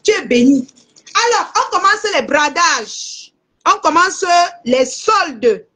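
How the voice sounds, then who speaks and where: High-voiced Cameroonian woman selling live. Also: takes it slowly. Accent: Cameroonian French. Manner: lively, addresses viewers as aunties. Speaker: live seller. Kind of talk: casual live-stream sales chat.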